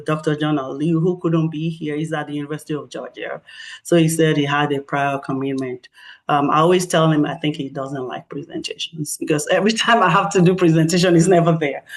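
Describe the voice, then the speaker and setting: A middle-aged Nigerian-accented woman with a low voice, a professor sharing her research at a community meeting. She tells it as lively stories and uses a lot of fillers.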